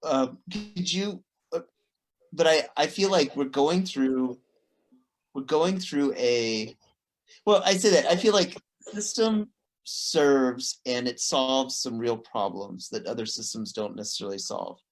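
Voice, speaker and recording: Man as interview host, mid-pitched voice, hesitant, restarts phrases, video call. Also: unhurried. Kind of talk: casual interview conversation.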